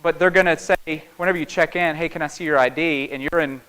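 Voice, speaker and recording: A man's voice: fairly high pitch, steady tone, fast talker, sharp tone, clean tone, poor audio. A man with a Southern Appalachian American accent gives an informal conference talk in a folksy, conversational way, often checking in with "right?" and "okay?". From small town in North Carolina, United States. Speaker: conference speaker, security penetration tester. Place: live talk before an audience.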